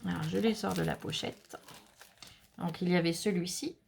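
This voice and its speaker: A woman's voice: lowish voice, fairly even intonation, normal speed, gravelly, slight background noise. Chatty woman hosting a craft tutorial. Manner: chatty, with many fillers and asides to viewers. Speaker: craft channel host.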